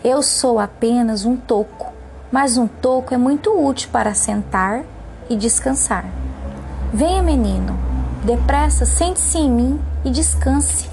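A woman's voice: fairly high pitch, lively intonation, a little slow, vocal fry, slight background noise. A tender, giving storybook tree, as a woman reads her. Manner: tender, soft-spoken, pleading. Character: gentle, giving female tree who loves a boy.

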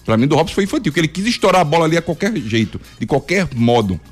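Animated man arguing football points. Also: fairly high pitch, rapid-fire, soft background music. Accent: Pernambuco Portuguese. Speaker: football commentator, former player. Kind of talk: casual sports talk.

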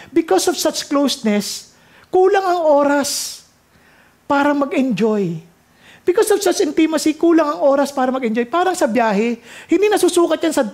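A woman with a Filipino accent preaching a sermon, switching freely between English and Tagalog, reading scripture slowly and building to heartfelt, emotional high points. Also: darkish tone. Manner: earnest, reads scripture slowly and rises to emotional peaks.

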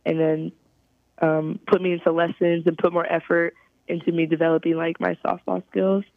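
A young woman from California, a college softball player, giving halting, thoughtful interview answers over a phone call. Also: fairly low pitch, little pitch movement, creaky, dry recording. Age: young adult. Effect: heard over a phone call. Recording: tinny, dry phone line.

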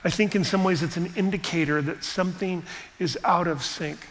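A man's voice: high voice, moderate pace, in a large hall. A man preaching a sermon as pastor, in a conversational, musing way with many asides.

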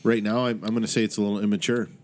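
Low-voiced young man, crude banter. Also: level tone, racing, a little mellow. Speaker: podcast co-host. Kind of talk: casual beer-tasting chat.

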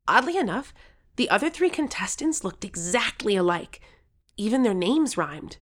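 Speaking in a mid-range voice at normal speed, a woman brings great animation to the role of a thirteen-year-old girl, keen and competitive, recounting her own story. It's first-person audio drama narration full of eager storytelling.

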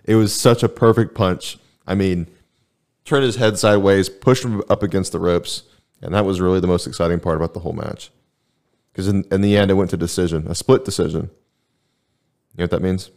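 A man's voice: low-pitched, fairly even intonation, brisk, a little mellow. A man hosting a podcast, chatting casually and telling rambling stories in a laid-back way. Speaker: podcast host. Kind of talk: casual chat.

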